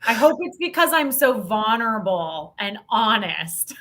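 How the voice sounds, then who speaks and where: An American woman from Montana, a sales professional, chats candidly and playfully as a guest on a podcast interview, using emphatic phrasing. Her voice is on the high side, sing-song and sharp, and she takes her time.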